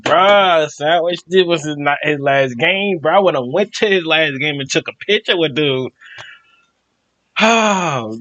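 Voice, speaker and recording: A man's voice: medium pitch, a bit bright, a little hiss or hum. A man hosting a reaction video, chatting casually and slangily like a fan.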